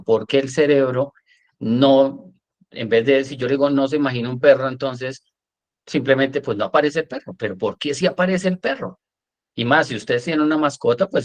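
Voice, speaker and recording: A man lecturing a workshop class, animated, often checking in with "¿sí?" and acting out examples. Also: medium pitch. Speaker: coach teaching a workshop.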